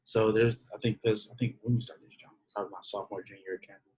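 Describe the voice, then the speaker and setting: A man in his twenties, a podcast guest in casual chat, laid-back and slangy and quick to poke fun at himself. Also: fairly low pitch, flat delivery, darkish tone, slight background noise, low-quality recording. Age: 20s.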